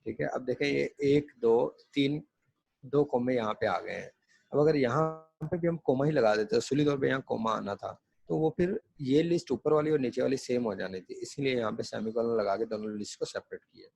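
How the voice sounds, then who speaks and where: Gravelly, husky male grammar teacher. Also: mid-range voice, a little mellow, no echo. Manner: explains in Hindi, reads English examples slowly. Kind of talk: classroom grammar lesson.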